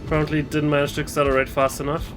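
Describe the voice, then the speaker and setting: A man's voice: a little high, little pitch movement, racing, noisy background. A man casually commenting on his own gameplay, rambling and hesitant with frequent restarts. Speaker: gaming video host. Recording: game music clearly behind voice.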